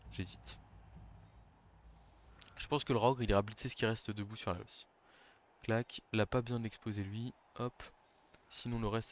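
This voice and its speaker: A man commentating his own board game match live, talking tactics under his breath and shouting when a play succeeds or fails. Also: mid-range voice, a little hiss or hum. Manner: excitable, shouts on big plays, then murmurs tactics. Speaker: gaming commentator.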